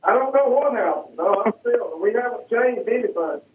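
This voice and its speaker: An older man, a retired coach calling in as a guest, speaking haltingly over a hollow, distant phone line that sounds like he is inside a barrel. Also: very high voice, expressive, reverberant, a little hiss or hum. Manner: halting, hesitant, many fillers. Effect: hollow, distant phone line, like talking inside a barrel.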